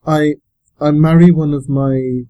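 Man, warm dark voice, dry clipped storytelling, casual podcast. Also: on the high side, fairly even intonation, measured pace, dull audio. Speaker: podcast co-host.

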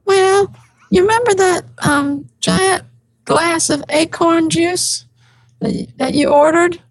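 A woman playing an exasperated grown child, her voice raised by a formant shift and sitting high. She pleads with and scolds her mother in steady turns. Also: slow, long reverb tail, rough recording. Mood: pleading. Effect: formant shifted up, higher voice.

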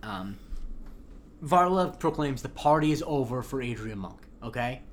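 A man's voice: mid-range voice, expressive, a little slow, slight background noise. A man co-hosting a podcast, recapping an episode in rambling casual chat. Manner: rambling, many fillers and restarts. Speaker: podcast co-host.

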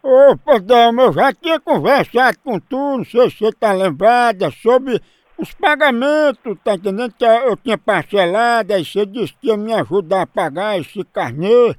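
A man's voice: sits high, lively intonation, moderate pace, no room sound. A man hosting a comic radio show and running a prank call, with a teasing, playful way of talking.

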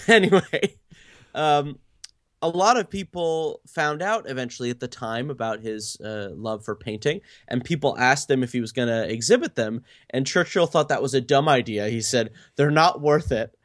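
A man of middle pitch co-hosting a casual podcast, recounting history with lots of "uh" and "um" as he goes. His voice sounds dry and close, with no room echo. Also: normal speed. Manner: storytelling with frequent fillers. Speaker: podcast co-host. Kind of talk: casual chat.

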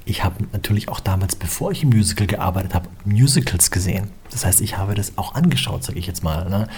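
Low-pitched, husky and darkish, his voice is expressive and fast. A young musician from Germany, he's the guest in a laid-back interview, talking at length in a chatty, rambling way and leaning heavily on filler phrases.

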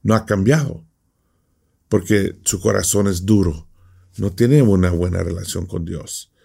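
A man with a low, gravelly, mellow and slightly rough voice preaches a Bible study sermon, reading scripture and explaining it. He speaks slowly and deliberately, often checking in with short rhetorical tag questions.

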